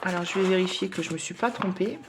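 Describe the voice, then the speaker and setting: A woman's voice: lowish voice, quick pace, background noise. Chatty woman budgeting at home. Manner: chatty, hesitant with many fillers, counting coins aloud. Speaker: budgeting vlogger. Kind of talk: casual chat while doing budget challenges.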